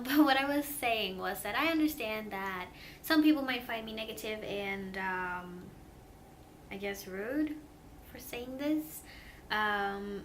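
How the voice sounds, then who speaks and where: A young adult Swedish woman, a native Swedish speaker, vlogs casually to her camera, earnest and hesitant, with many fillers and restarts. Her voice is on the high side and sharp in tone. The camera mic picks up a little hiss or hum.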